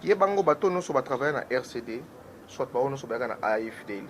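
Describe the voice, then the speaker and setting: A man speaks as a guest on a political talk show, in an animated commentary voice. His pitch sits in the middle range. A clear noisy hiss runs under the voice. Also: a little fast. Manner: animated, mixes French and Lingala.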